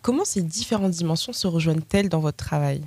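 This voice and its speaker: Female radio host, low husky voice, dry studio mic, scripted intro delivery. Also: expressive, fast, warm tone, no echo. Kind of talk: radio interview hosting.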